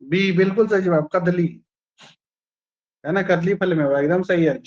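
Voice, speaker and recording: A man's voice: high voice, normal speed, muffled recording. A male teacher running a live online quiz class, repeating each question and its options and praising students by name.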